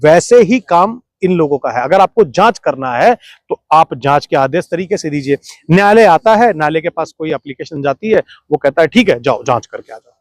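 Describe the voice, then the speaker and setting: A man being interviewed, arguing his point forcefully and firing off rhetorical questions while refusing to be cut off. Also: a little high, animated, normal speed, no room sound, studio quality. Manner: argumentative, fires rhetorical questions, keeps talking over interruptions. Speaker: interview guest. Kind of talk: heated political interview.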